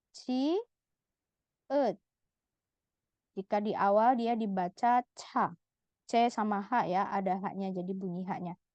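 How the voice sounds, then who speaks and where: A woman whose voice sits a little high gives a slow, step-by-step lesson on Korean letters, carefully saying each syllable and repeating it. The recording is slightly dull lo-fi audio without room sound.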